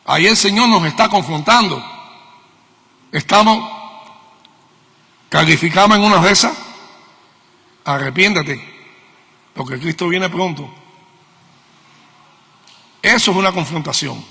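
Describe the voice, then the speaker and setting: A high-pitched, gravelly, sharp-toned voice belongs to a middle-aged man from Cuba preaching in a church meeting hall with long reverb. Speaking Spanish with a Cuban accent at a measured pace broken by long pauses, he teaches emphatically using questions and repeated key words.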